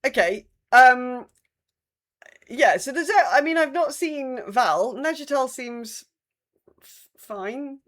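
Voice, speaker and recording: This podcast co-host is a woman whose voice sits high and sounds a bit bright and animated; she talks slowly and pauses often. On a casual gaming chat podcast, she gripes bluntly about a video game, exasperated and sweary.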